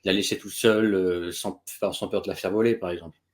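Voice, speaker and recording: A man's voice: low-pitched, fairly even intonation, a little fast. A man hosting a casual interview, talking in an informal, colloquial way.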